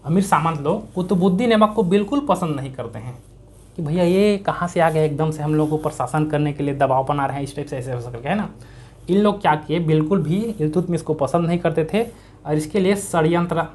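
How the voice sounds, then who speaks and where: A man's voice: a little high, a little mellow. A man teaching an exam-prep history lesson in a conversational way. He asks his own questions, answers them, and repeats key words for emphasis, with a Chhattisgarhi-tinged accent. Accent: Chhattisgarhi-tinged Hindi.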